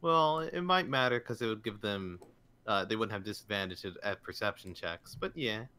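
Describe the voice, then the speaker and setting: A man with a very bright, sharp voice takes part in a tabletop game as a player. He talks over the rules in a casual, conversational way. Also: fairly low pitch, normal speed, clean tone.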